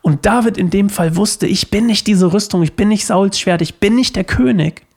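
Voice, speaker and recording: A man's voice: sits high, moderate pace, a little mellow. A man, a podcast host and worship leader, gives an earnest devotional talk on faith in a living room. He repeats key phrases for emphasis and often restarts his sentences.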